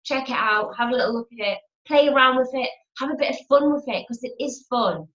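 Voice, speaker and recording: A woman spiritual teacher with a high, fairly bright voice gives a chatty motivational teaching talk at a fairly quick pace, repeating her phrases and acting out inner voices. It is a roomy, dull lo-fi home video.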